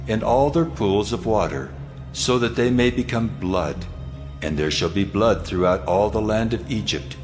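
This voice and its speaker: An actor playing God as a solemn, authoritative and measured divine voice in a dramatized scripture reading. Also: male voice, on the low side.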